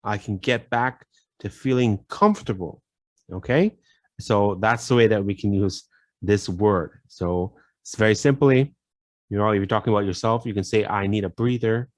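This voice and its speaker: A man teaching a casual English vocabulary lesson, repeating phrases and filling pauses with "you know". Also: on the low side, no echo.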